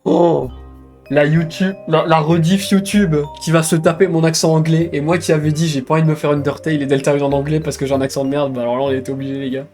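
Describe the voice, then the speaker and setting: A French man streaming a video game, chatting in an excitable, rambling, self-mocking way. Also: fairly high pitch, fast, faint music behind. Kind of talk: let's play commentary.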